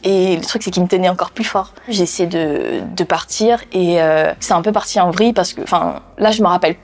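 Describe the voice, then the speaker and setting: Young woman, personal testimony, halting, lots of fillers and restarts. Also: lowish voice. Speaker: interviewee telling her story.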